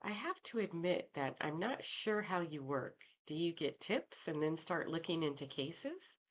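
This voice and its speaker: A woman voicing a careful female private investigator who weighs her words, in a deep audiobook voice. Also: very animated, unhurried, full character voice. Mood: guarded. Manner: careful and guarded.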